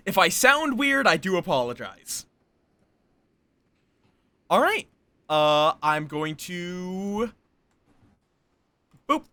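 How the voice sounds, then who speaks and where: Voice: mid-range voice, sing-song, drawn-out words, long pauses, bright, forceful tone, dry recording. A game streamer and storyteller chatting casually with friends and viewers, playful, with little sing-song interjections. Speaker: streamer and game storyteller running an online social deduction game.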